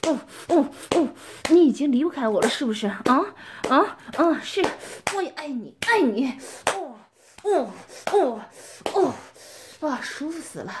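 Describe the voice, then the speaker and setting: Woman voicing a domineering older schoolmate, high voice, breathy panting, bossy orders, hissy noisy recording. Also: sing-song, unhurried.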